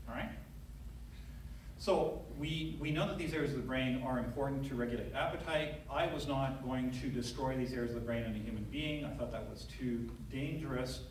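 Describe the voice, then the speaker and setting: A middle-aged male neurosurgeon with a medium-pitched voice gives a conversational conference talk from a lectern in a large lecture hall, telling a story full of fillers. The audio comes from an audience camera far at the back, so the hall sounds very echoey, with slight background noise.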